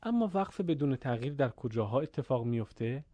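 A man teaching the rules of pausing in Quran recitation, explaining calmly and stopping to chant short verses slowly. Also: mid-range voice, dry recording. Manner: asks the listener questions and answers them. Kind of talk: tajweed lesson with recited examples.

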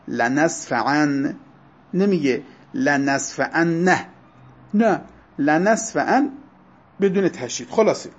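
Male teacher, husky voice, somewhat high-pitched, patient classroom lecturer on dull lo-fi audio. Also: darkish tone. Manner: explanatory, lecturing to students, slow deliberate stresses on terms. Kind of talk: Arabic grammar lecture. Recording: dull lo-fi recording.

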